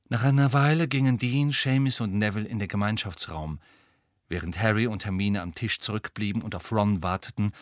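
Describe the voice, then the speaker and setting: A man narrating an audiobook in a steady, measured way on a close mic. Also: fairly low pitch, no room sound. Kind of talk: audiobook reading.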